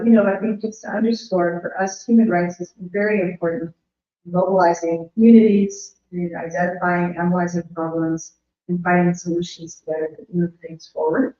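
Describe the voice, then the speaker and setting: A woman giving an earnest, measured academic presentation, her voice going hoarse. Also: lowish voice, dark tone. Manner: earnest, measured, rhetorical lists. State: losing her voice. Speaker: invited speaker. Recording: roomy, dull remote audio.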